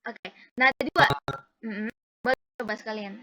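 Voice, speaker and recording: A woman teaching Mandarin pronunciation in a casual one-on-one lesson, patiently modelling syllables and tones slowly and clearly. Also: fairly high pitch, steady tone, sharp tone. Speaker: Mandarin tutor. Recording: dull lo-fi sound.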